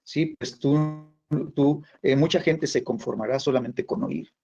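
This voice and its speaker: A man preaching a sermon in a halting way, full of fillers and tag questions. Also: on the high side, mellow, breathy edge. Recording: dull lo-fi sound.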